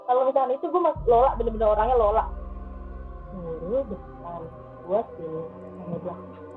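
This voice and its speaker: A woman's voice: medium pitch, fairly quick. A woman, animatedly telling a ghost story in a casual chat. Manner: animated, acts out voices in her story. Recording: tinny phone-like sound with faint music.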